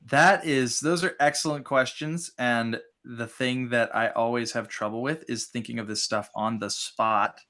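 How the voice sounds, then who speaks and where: A man talking casually as a podcast guest, upbeat and animated, a voice impressionist. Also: mid-range voice, unhurried, few pauses.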